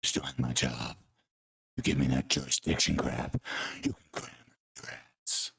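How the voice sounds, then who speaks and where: Picture a gruff, brooding caped vigilante, his voice pushed down into a rumbling gravelly growl that rattles the ear. The tone is husky and breathy, and the pitch swoops widely even at that depth. It sounds strained from deep in the chest. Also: normal speed, no echo, studio quality, exaggerated voice. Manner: low strained rasp that hurts the chest.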